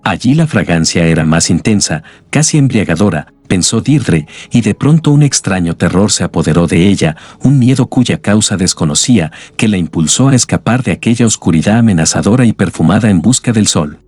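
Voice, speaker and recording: A man narrating an audiobook story in a measured, even way. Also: sits low, dry recording. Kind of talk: scripted narration. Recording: dry studio voice with faint music.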